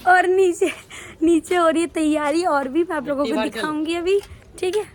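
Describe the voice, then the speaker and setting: A young woman with a hoarse voice chatting playfully to her viewers on a phone camera from a busy family rooftop. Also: extremely high pitch, steady tone, normal speed. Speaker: vlogger. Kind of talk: casual vlog chat. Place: home rooftop with family around. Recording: crowd of family chatter behind.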